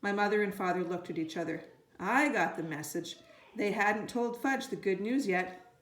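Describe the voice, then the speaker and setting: A woman's voice: medium pitch, normal speed, a bit bright. Woman reading a kids' book aloud. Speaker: reader. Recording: roomy echo.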